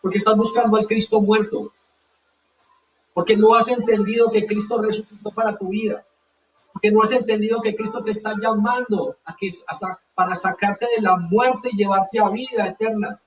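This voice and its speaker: A man's voice: high voice, fairly even intonation, moderate pace, recorded from a distance, slight background noise. A man preaching a sermon with fervor, hammering his points by repeating them. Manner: fervent, repeats phrases for emphasis. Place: church hall. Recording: dull echoey church sound from afar.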